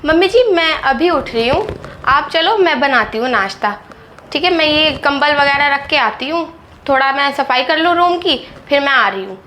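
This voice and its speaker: Brief: a woman as a high-voiced young daughter-in-law, sharp and indignant, family skit. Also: expressive, slight background noise. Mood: evasive. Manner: indignant scolding, rapid rebukes. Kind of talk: Hindi family drama skit.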